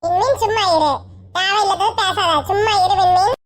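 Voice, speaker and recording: A woman's voice: very high-pitched, steady tone, normal speed. A woman playing a bossy young husband. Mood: arguing. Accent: Kanyakumari Tamil. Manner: bossy, taunting. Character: hot-tempered young husband.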